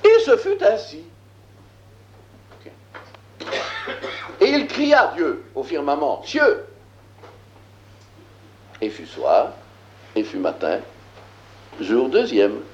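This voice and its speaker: Slow, animated man teaching scripture. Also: fairly high pitch, reverberant, muffled recording, slight background noise. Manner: slow and emphatic, with many filler "hein"s. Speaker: Bible teacher. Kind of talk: lecture reading and explaining scripture.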